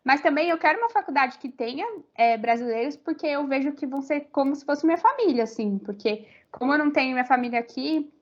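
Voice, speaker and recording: A young Brazilian university student with a Brazilian Portuguese accent chats casually as a podcast guest in an interview, rambling with many fillers and restarts. Her voice is high and expressive, moving quickly with few pauses, and the audio is slightly muffled.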